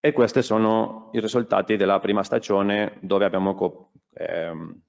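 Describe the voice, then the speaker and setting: Low-voiced man presenting in Italian. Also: fairly even intonation, a little slow, creaky. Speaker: conference speaker, agricultural product specialist. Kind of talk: conference presentation. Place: conference hall at a lectern. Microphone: lectern gooseneck microphone. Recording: dull, muffled lecture-hall sound.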